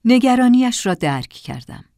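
A woman narrating a first-person story in a calm, measured way. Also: on the high side, no room sound, clean studio sound.

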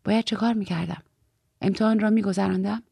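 A woman narrating a novel in first person, calm and measured as an audiobook reader. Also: medium pitch, gravelly, slightly rough, no echo.

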